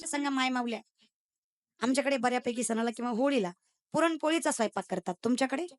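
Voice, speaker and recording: High-voiced and quick, a young woman delivers a comic sermon as a kirtan preacher on stage at a devotional gathering. She teases the audience, peppers them with quiz questions and mixes in English.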